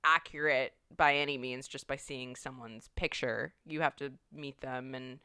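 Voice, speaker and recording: A young woman with a very low yet bright, crisp voice, co-hosting a podcast in loose, rambling chat full of filler words. The recording is dry and close. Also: fairly even intonation, moderate pace, dry recording. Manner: rambling, full of "like" and "you know". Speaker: podcast co-host. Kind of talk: casual chat.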